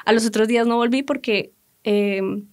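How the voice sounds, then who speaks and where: Colombian woman, 30s, chatty interview guest, animated storyteller. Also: on the high side, normal speed. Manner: lively, laughing, acts out quoted dialogue.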